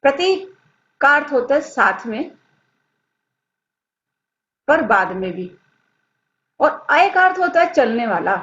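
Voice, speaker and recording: A woman's voice: sits high, very animated, slow pace, long pauses, fairly bright tone. A woman teaching a grammar lesson online, patiently explaining and answering her own questions as she points at the screen. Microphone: screen-recorded lesson. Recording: dull lo-fi audio.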